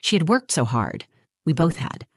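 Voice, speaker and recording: A woman in her forties narrates a scripted first-person story with a measured, reflective delivery that is also sing-song and husky. Her voice sits fairly low, captured close and dry with no room and no echo.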